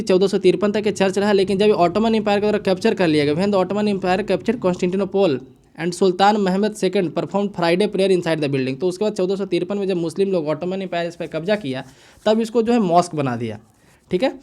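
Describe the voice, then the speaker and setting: A man with a high but mellow voice walks through the day's news like a teacher at a whiteboard. He talks casually and repeats himself, tossing in little checks to his listeners, and he slows down to read English phrases haltingly. He comes across as an explainer, not a presenter. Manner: casual, repetitive, frequent "है ना" and "ठीक है" checks; mixes English phrases into Hindi, reads headlines haltingly. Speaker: current affairs teacher. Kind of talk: explaining news analysis to students.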